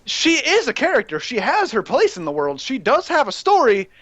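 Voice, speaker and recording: A young man hosting a rambling, excitable gaming rant that breaks into shouting while he plays. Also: very high-pitched, moderate pace, no echo, muffled recording. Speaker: gaming channel host ranting.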